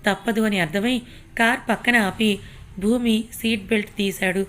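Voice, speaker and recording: A woman narrating a serialized audio story in a calm, even way. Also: mid-range voice, moderate pace. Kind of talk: scripted narration.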